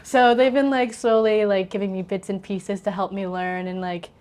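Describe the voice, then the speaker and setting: A woman's voice: medium pitch, steady tone, normal speed, a little mellow. A woman in her twenties from southern Indiana, a pharmacy student, chatting casually as an interview guest and often saying "like". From southern Indiana, USA. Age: 20s. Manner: chatty, lots of "like", laughs easily. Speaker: pharmacy student and council president.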